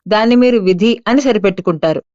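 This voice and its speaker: A woman reading an audiobook aloud in a steady, measured manner. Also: medium pitch, no room sound, lo-fi sound. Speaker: audiobook narrator. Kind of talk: scripted audiobook narration.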